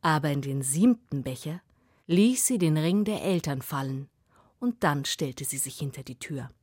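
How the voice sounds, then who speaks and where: A woman telling a fairy tale aloud, slow and expressive, sometimes dropping to a whisper. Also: sits low, husky, dry recording, clean studio sound. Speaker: storyteller.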